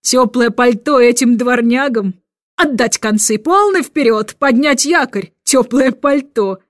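A woman reading aloud, voicing a bellowing old admiral who shouts sea orders. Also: fairly high pitch, measured pace, no room sound, studio quality, natural voice. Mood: blustering.

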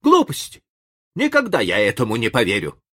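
A reader voicing an older aunt who scolds a boy for faking illness in a brisk, no-nonsense way. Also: medium pitch, huge pitch swings, a bit bright. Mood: worried. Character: stern but kindly old aunt.

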